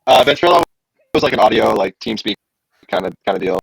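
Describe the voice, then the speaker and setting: A man's voice: lowish voice, fast talker, gravelly, husky, no echo. Man on warbling, chipmunk-like call audio. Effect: warbling, wobbly, chipmunk-like distorted call audio. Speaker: podcast co-host on a call. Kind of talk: casual chat.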